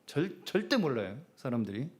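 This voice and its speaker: A man's voice: mid-range voice, big pitch swings, moderate pace. A middle-aged male pastor preaching a Friday prayer service sermon in a conversational style, often dropping in short affirming "yes" words. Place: church sanctuary.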